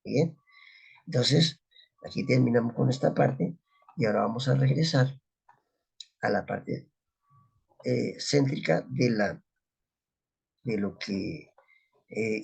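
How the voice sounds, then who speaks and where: Man, Bible study teacher, gravelly, husky, explanatory, asks rhetorical questions. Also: medium pitch, a little slow, pauses often, a little mellow.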